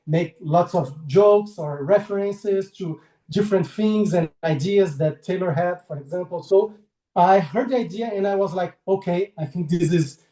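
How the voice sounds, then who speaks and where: Speaking at normal speed, a high-pitched, warm-toned guest illustrator from Brazil, in his forties and with a Brazilian Portuguese accent, is interviewed casually over video call. He laughs often and sounds friendly yet hesitant. The recording is roomy and poor.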